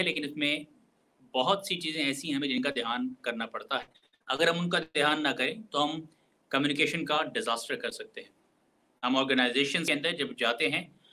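Slowing down to stress key words and mixing in English phrases, a man gives a careful explanation during a recorded university lecture. He has a slightly high voice with a sharp tone, and the recording is rough.

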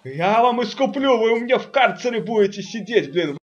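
Man playing bullying, high-pitched drill sergeant. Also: animated, fairly quick, lo-fi sound. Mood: barking, bullying. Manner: drill sergeant's barked commands and insults. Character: bullying, foul-mouthed male army drill sergeant. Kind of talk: comic parody dub.

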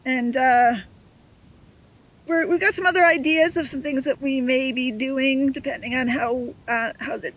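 A woman's voice: sits high, fairly even intonation, a little slow, a bit bright, low-quality recording. A middle-aged woman co-hosting a sailing vlog, agreeable and chatty, often chiming in, seated outdoors on open dunes and filmed from a tripod camera. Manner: agreeable, chimes in often with yeah. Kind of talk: casual chat.

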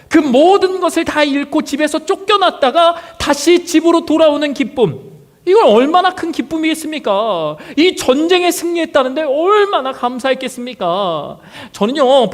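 A male pastor preaching a sermon, telling the story and asking the congregation many rhetorical questions. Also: extremely high pitch. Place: church sanctuary. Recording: long reverb of a church hall.

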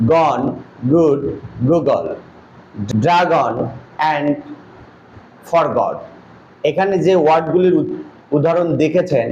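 A man teaching English pronunciation, explaining each rule in a slow, methodical classroom style and spelling words out letter by letter. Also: fairly high pitch, warm tone. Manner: spells out letters one by one, repeats rules. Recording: echoey room with faint background noise.

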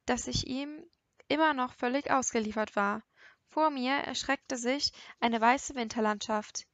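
A woman's voice: fairly high pitch, a bit bright, dry recording, highs cut off. Dry, close woman audiobook narrator. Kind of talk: first-person audiobook narration.

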